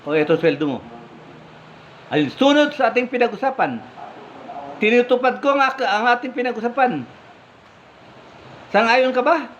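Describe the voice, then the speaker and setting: A man voicing a stern, fair-minded male vineyard owner who questions his workers firmly and deliberately. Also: very high-pitched, expressive, a bit bright. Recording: slightly muffled, faint background hum.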